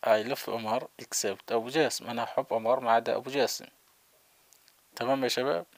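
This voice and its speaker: A man teaching English words, repeating each one slowly and checking that his students follow. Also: medium pitch, fairly even intonation, dry recording. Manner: slow repetition of words, checking in. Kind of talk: vocabulary lesson.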